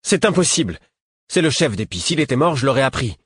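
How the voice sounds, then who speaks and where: A man's voice: medium pitch, lively intonation, normal speed, breathy edge. A man voicing a proud, vengeful woman rebel who speaks sharply and defiantly in an audiobook. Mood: incredulous.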